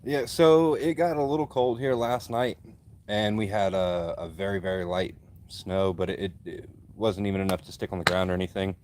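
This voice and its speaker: Low-voiced monotone man chatting outdoors. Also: moderate pace, slight background noise. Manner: easygoing, answers chat comments with many fillers. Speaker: livestream host. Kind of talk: casual live-stream chat. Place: outdoors by a backyard fire. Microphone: phone, streaming from mobile.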